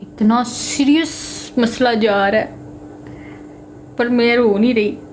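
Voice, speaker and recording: A woman's voice: a little high, takes it slowly, darkish tone, slight background noise. A young woman with a Punjabi accent, chatting and joking with viewers on a casual livestream. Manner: chatty, joking and self-mocking, mixing Punjabi into Hindi. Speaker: livestream host.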